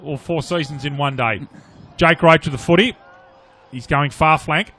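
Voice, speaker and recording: A man with an Australian accent giving live play-by-play of an Australian rules football match in short, clipped, animated phrases. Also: on the high side, moderate pace. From Australia, regional New South Wales. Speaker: sports commentator. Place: outdoor commentary box at a suburban football oval.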